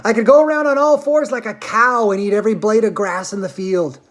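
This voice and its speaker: A woman's voice: medium pitch, a little fast, close to an everyday voice. A gleeful old grandfather speaks heartily, as a woman reading a story voices him. He sounds delighted, in a voice close to the reader's own.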